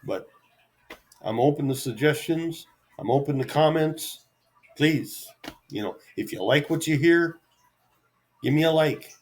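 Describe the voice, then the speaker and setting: This middle-aged man's voice is on the high side. Vlogging alone and unscripted, he rambles to viewers in a halting, easygoing way, with self-deprecating asides.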